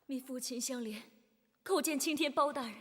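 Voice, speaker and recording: A woman's voice: sits high, normal speed. An actress playing a poor village wife who begs officials to let her see her husband, in a period TV drama. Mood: humble. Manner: pleading, tearful. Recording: drama soundtrack with music.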